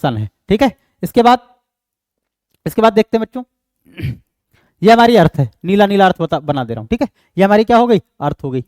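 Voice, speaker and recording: A man's voice: high-pitched, very animated, a little mellow, dry recording, studio quality. A man with an Indian accent giving an exam-prep lecture, explaining step by step and answering his own questions. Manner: reads English question text slowly. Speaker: teacher.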